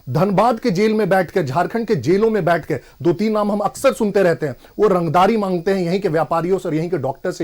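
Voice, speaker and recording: A man from Jharkhand speaking as an opposition spokesperson in a TV debate, arguing forcefully and refusing to be interrupted. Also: high voice. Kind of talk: TV debate argument.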